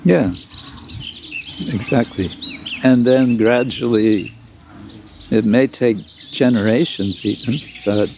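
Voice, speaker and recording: A man speaks very slowly and calmly, welcoming disciples as their spiritual teacher. His voice is gravelly. The recording is noisy, with birdsong around him outdoors. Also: mid-range voice. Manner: slow, calm, welcoming. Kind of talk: casual talk with disciples.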